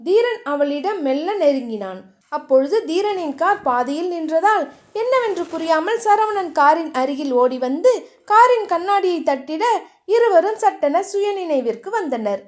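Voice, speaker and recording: A woman narrating a romance novel chapter in a steady storytelling manner. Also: very high voice, moderate pace. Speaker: audiobook narrator.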